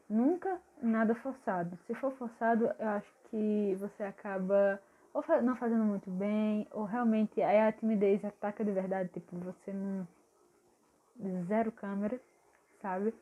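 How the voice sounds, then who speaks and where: Young female vlogger, casual and lively, higher voice, lo-fi phone-like audio. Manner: chatty, lively, addresses viewers directly. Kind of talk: casual chat to camera. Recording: tinny phone-like sound.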